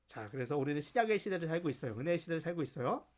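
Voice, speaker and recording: High-voiced man teaching a church class. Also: very fast. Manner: animated, storytelling, explains with rhetorical questions. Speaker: mission training teacher. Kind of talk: church lecture.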